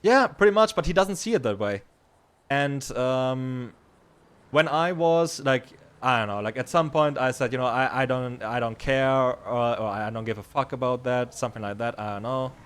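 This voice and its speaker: A man talking in character as a biker club member, his voice sitting at an ordinary middle pitch. He rambles and stumbles through restarts and fillers, then turns loud and exasperated when he defends himself. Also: moderate pace, smooth. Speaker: roleplay streamer playing a biker club member. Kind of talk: in-character casual chat.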